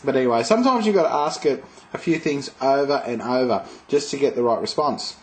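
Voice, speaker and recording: A man's voice: medium pitch, brisk, darkish tone. A man narrating a casual demo of a phone, chatting to viewers and repeating commands to it. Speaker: video maker demonstrating a phone.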